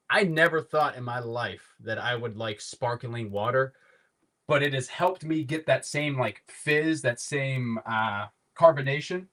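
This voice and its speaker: A man's voice: medium pitch, a bit bright. A man with a Pittsburgh accent hosting a casual live cooking demo from his home kitchen, rambling loosely and swearing offhand. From Pittsburgh area. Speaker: cooking livestream host.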